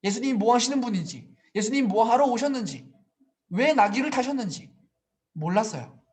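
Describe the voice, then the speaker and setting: A man's voice: extremely high pitch, expressive, brisk, darkish tone. A man preaching an earnest sermon to a church youth group, often asking the listeners questions. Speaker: youth pastor.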